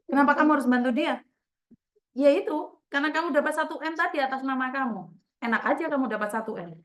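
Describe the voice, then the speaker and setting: A woman's voice: sits high, quick pace, fairly bright tone. A woman hosting a call-in chat, bluntly scolding a caller with rhetorical questions and repeated endearments. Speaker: host counseling a caller.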